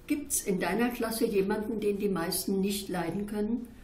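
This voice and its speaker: A woman reading aloud and voicing a sly, kindly old woman who speaks slowly and thoughtfully. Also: medium pitch, dark tone, a little hiss or hum, natural voice. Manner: slow, drawn-out, musing. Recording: roomy echo.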